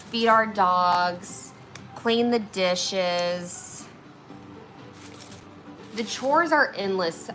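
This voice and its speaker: Her voice is medium-pitched and a bit bright, caught on a rough recording. She's a flower preservation artist in her twenties, casually chatting on a livestream as she works, reading comments and peppering her talk with "like" and "okay?".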